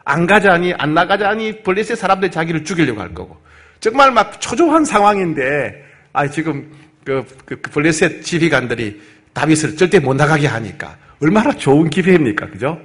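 Brief: male pastor, fairly high and very lively voice, engaging the congregation. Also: fairly quick. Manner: animated, asks the congregation questions. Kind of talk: Bible study sermon.

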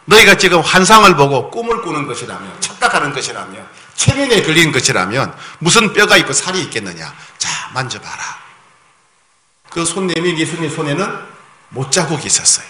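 A man preaching a sermon as pastor. He keeps asking the congregation questions, reads scripture slowly and solemnly, and acts out the voices in the story. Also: a little high. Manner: animated, often asks the congregation questions; slow, solemn scripture reading.

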